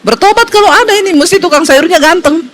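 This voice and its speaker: A woman pastor giving a sermon in a lively storytelling way, swinging between high exclaims and quiet low asides. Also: fast talker, a little hiss or hum.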